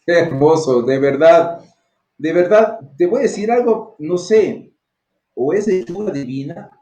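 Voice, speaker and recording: A male radio host chats casually and reflects through personal anecdotes. His voice is mellow and dark, though a little high in pitch, and it sounds roomy and echoey. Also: expressive, measured pace. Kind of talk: casual interview chat. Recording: roomy echo.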